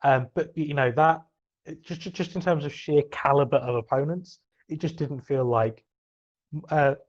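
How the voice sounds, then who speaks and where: A man's voice: fairly high pitch, moderate pace. A man co-hosting a casual podcast, hesitant with many ums but enthusiastic. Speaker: podcast co-host. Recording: slightly dull lo-fi mic.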